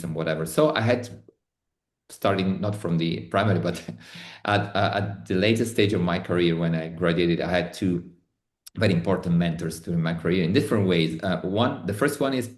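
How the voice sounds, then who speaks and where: A middle-aged Italian man with an Italian accent, speaking as an interview guest in careful English with many pauses and restarts. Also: deep voice, roomy sound. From Italy. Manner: thoughtful, many restarts and hesitations. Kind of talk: online interview.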